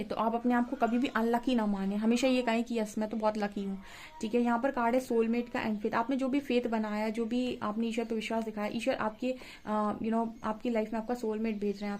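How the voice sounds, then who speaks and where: A young woman with a slightly high voice gives a relaxed spiritual tarot reading straight to her viewers. She talks in a chatty, repetitive way, keeps checking in with "ठीक है", and slips English words into her Hindi. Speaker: tarot reader.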